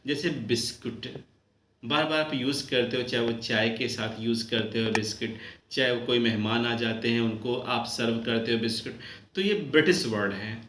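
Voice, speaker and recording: A male lecturer from India with a medium-pitched voice and an Uttar Pradesh Hindi accent teaches a classroom grammar lesson, spelling words out for students. He warmly addresses them as children, in an echoey room with faint background noise.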